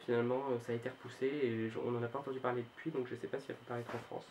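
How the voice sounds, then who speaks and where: A man's voice: medium pitch, level tone, very fast, darkish tone, a little hiss or hum, low-quality recording. A man casually showing his book collection on his video channel, talking hesitantly with many fillers and restarts. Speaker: book vlogger.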